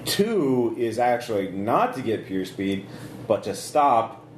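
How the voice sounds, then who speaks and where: A man improvising narration as game master of a tabletop game, talking casually and haltingly as he thinks aloud. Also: medium pitch, sing-song. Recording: echoey room with background noise.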